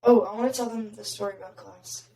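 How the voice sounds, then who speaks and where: A young woman with a raspy voice, hosting a podcast and telling stories in casual chat full of "like" fillers. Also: a little high, steady tone, fast talker, warm tone. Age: young adult. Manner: chatty storytelling, many "like" fillers. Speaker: podcast host. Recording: roomy echo, faint noise.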